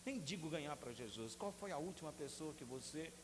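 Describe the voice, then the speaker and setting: Earnest Brazilian pastor in an echoey hall. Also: male voice, fairly high pitch, animated, a little fast. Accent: Brazilian Portuguese. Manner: earnest testimony-style preaching. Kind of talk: sermon. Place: church sanctuary. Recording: echoey church hall with faint hum.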